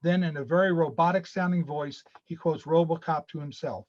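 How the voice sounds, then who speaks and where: A man reads screenplay stage directions in a steady, matter-of-fact way, his voice a bit higher than most. The audio is dull and lo-fi from a video call. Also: brisk. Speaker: narrator reading stage directions. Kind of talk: screenplay reading.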